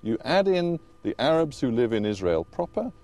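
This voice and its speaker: A man conducting a confrontational television interview, probing and challenging with deliberate, emphatic phrasing. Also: mid-range voice, big pitch swings, a little mellow. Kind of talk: confrontational current affairs interview.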